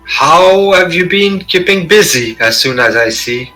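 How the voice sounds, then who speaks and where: A man's voice: on the high side, animated, a little slow, pushed and bright, soft background music, rough recording. A man playing in a tabletop game, chatting in an easygoing way and laughing often. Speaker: player. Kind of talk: casual chat.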